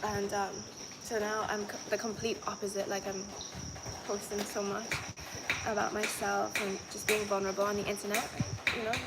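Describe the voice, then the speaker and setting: A young Trinidadian-accented woman vlogs live, chatting casually with her viewers and full of fillers and restarts. Her medium-pitched voice is flat and moderately paced, with vocal fry. Loud background noise fills the recording.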